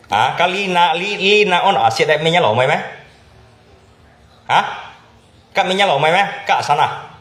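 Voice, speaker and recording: A man's voice: a little high, lively intonation, moderate pace, pauses often, a bit bright. A man from Indonesia chatting casually as a channel host, often asking back with short questions. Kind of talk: casual chat. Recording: roomy echo.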